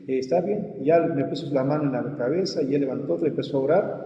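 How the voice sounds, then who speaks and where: A man's voice: mid-range voice, fast. A male pastor telling his testimony in a conversation, acting out the voices of the people in his story. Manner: animated storyteller, acts out his own cries and quoted voices. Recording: muffled, echoey room with long reverb.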